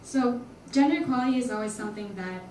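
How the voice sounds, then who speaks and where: A woman's voice: fairly high pitch, quick pace, warm tone, recorded from a distance, slight background noise. Young woman speaking from afar in an echoey hall. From Hong Kong. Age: young adult. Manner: earnest, slightly nervous. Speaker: student organizer. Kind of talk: prepared welcome speech.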